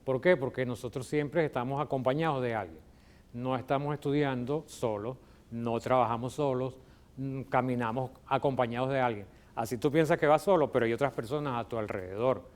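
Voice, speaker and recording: A man's voice: medium pitch, a little fast. A man with a Venezuelan accent, teaching a televised classroom lesson from a studio with an electronic whiteboard. He explains step by step and often checks in with "ok?".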